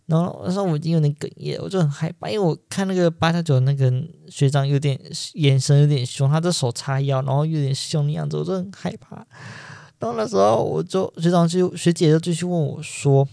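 A man's voice: fairly high pitch, fast talker, vocal fry, warm tone, dry recording, clean studio sound. A young man with a Taiwanese Mandarin accent, hosting a podcast and telling a personal story in an earnest, emphatic way that repeats things for stress. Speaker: podcast host.

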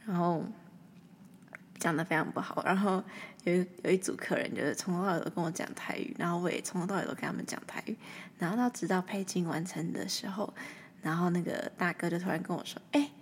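Young taiwanese woman chatting on her podcast, lowish voice, rambly, keeps trailing off into a whisper. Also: steady tone, fast talker, slight background noise. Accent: Taiwanese Mandarin. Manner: rambling, often trailing off into a breathy near-whisper. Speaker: podcast host. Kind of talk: casual solo monologue.

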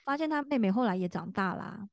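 A woman in her thirties co-hosts a podcast, rambling through casual chat with many restarts. Her mid-pitched voice carries a gravelly fry. The recording is dry and close. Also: lively intonation, a little fast, a little mellow, no echo. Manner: rambling, full of fillers and restarts. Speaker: podcast co-host.

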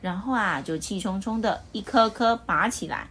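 A woman reading a children's picture book aloud as storyteller, with expressive, lively delivery. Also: mid-range voice, moderate pace, slightly rough.

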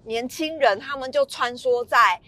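A woman's voice: sits high, moderate pace, bright, forceful tone, dry recording. A woman, casually telling a story in a vlog, laughing often and acting out the lines she quotes.

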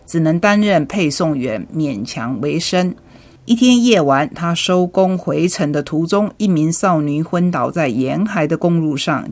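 A woman with a notably low-pitched voice gives book recommendations in a calm, storytelling way. She recounts each novel's premise as if reading a short tale aloud. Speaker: book presenter.

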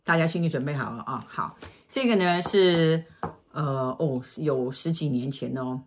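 A middle-aged woman, telling a story in casual chat and acting out quoted lines in a hushed voice. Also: sits low, a little slow, a little hiss or hum. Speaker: feng shui consultant telling stories.

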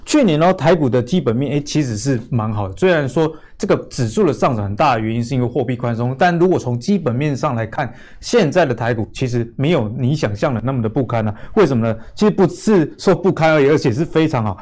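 A man's voice: medium pitch, animated, quick pace, few pauses, darkish tone. A man with a Taiwanese accent, presenting a finance show in a conversational way as its host.

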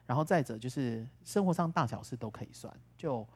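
Man, rapid, slightly husky, chatty storyteller. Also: medium pitch, lively intonation, a little mellow. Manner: chatty, tells stories with acted-out quotes. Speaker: teacher of tarot and astrology. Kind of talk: casual podcast explanation.

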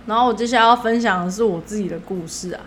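A woman's voice: mid-range voice, very fast, fairly bright tone, a little hiss or hum. A woman podcast host with a Taiwanese Mandarin accent, telling a story in a chatty, laughing way and acting out the dialogue. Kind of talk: casual storytelling.

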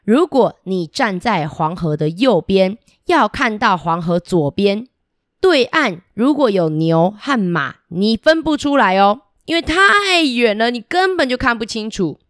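Animated woman telling children's stories. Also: medium pitch, unhurried, no echo, clean studio sound. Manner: animated, addresses children directly with questions. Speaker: children's storyteller. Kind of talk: storytelling for children.

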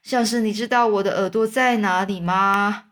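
A woman voicing a kind old male grasshopper who plays the violin, speaking gently and slowly, as in a children's storybook. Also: mid-range voice, steady tone, close to an everyday voice. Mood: gentle. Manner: gentle, slow and patient explaining.

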